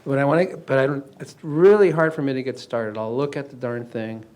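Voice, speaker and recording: Guy in his 70s, medium pitch, just sharing casually, kinda hesitant and rambly. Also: fairly even intonation, fairly quick, a little mellow. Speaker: participant in a group talk.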